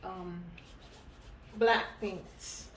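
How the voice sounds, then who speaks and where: A woman talks through a painting tutorial in a slow, unhurried way, thinking aloud in short, halting bits as she works. Her voice sits at an ordinary pitch and echoes around a bare room with faint ambient noise behind it. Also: steady tone. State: breathing heavily.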